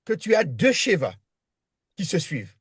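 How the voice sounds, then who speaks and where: A man's voice: high-pitched, sing-song, moderate pace, breathy edge, no room sound, clean studio sound. A man teaching a one-on-one reading lesson, patient and repetitive, often restarting his sentences. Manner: patient, repeats himself, many restarts.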